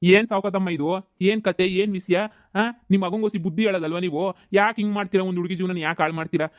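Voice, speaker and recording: A man's voice: sits high, steady tone, quick pace, no room sound, lightly acted. A man voicing a stern, reproachful village headman in a cartoon comedy. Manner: reproachful, questioning.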